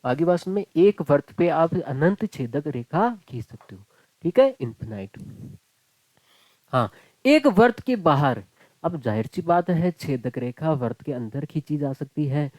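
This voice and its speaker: Guy teaching maths online, jokey and chatty, mellow dark voice, dry close sound. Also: on the high side, animated, measured pace, dry recording, poor audio. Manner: chatty, jokey, calls students beta and bhai. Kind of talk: online class lecture.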